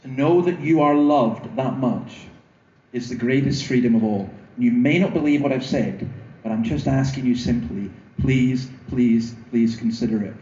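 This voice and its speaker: A man's voice: medium pitch, moderate pace, mellow. Earnest Scottish man preaching in an echoey room. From Scotland. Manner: earnest, pleading, wry self-mocking humour. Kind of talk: evangelistic talk. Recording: echoey room, slightly dull sound.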